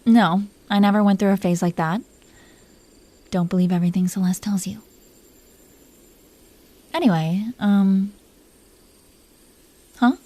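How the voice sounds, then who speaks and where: Lightly acted and free of echo, a female performer's dragon queen comes across as playfully possessive and affectionate. She speaks in a mellow, mid-pitched voice, soft and halting, for an intimate romantic audio roleplay.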